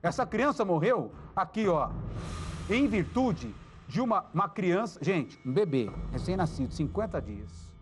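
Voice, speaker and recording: A man's voice: high voice, sing-song, unhurried, slight background noise. A man with a Brazilian Portuguese accent hosting a live crime news segment, emphatic as he talks to viewers and gives cues to his crew.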